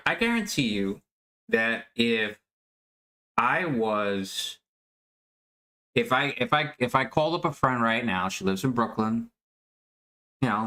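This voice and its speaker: Bright, lively male streamer chatting. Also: medium pitch, unhurried, pauses often. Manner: chatty, thinks out loud with restarts. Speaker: streamer reacting to a clip. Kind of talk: casual chat.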